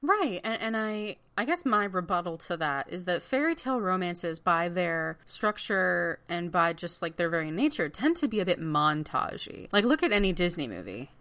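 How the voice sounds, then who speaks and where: Low, bright-toned analytical co-host woman. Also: big pitch swings, normal speed, hardly any pauses. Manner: thoughtful, analytical, with easy laughs. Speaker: podcast co-host. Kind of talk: casual film-discussion chat.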